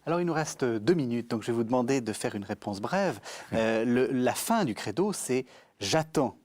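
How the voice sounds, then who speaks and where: A man hosting a spiritual radio discussion, asking his questions with hesitant pauses and fillers. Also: medium pitch, animated, a little mellow. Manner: hesitant, fills pauses with "euh". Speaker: radio host.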